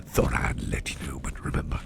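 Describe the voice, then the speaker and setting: Playing an eager, secretive boss with fangs in an ASMR roleplay, a man speaks in a soft, rambling, chatty whisper. His voice is brisk and natural, with clear background noise underneath.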